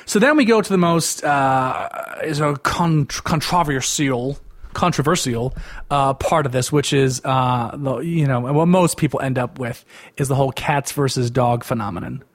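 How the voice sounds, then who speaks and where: A man's voice: mid-range voice, moderate pace. A man ranting casually, rambling with constant "like" fillers and a sarcastic, dismissive edge. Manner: rambling, heavy use of "like" fillers. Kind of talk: casual opinion rant.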